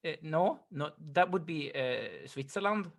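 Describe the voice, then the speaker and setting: A man's voice: on the high side, expressive, creaky, full character voice. A man doing a stammering mock-Swedish cook. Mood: earnest. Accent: exaggerated mock Swedish. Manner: halting, stammering, earnest. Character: bumbling male tourist cook claiming Swedish roots. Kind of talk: improvised comedy interview.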